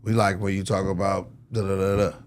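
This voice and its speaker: An American music industry executive, appearing as an interview guest, hands out casual, emphatic, preachy advice and keeps checking the listener is following with tag questions. His voice sits low, his delivery is flat, and he talks fairly quickly.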